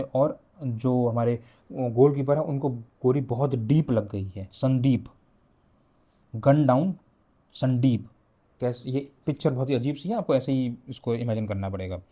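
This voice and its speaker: A young man teaching an exam revision lesson, explaining slowly and repeating key words as he spells out book titles and memory tricks. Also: mid-range voice, dark tone.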